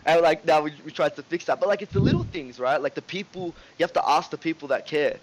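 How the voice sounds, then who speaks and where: A man co-hosting a casual podcast, talking in an animated way, swearing and often asking "right?" and "you know what I mean?". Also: a little high, fast talker, dull audio, background noise. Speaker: podcast co-host. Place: home room with ring light.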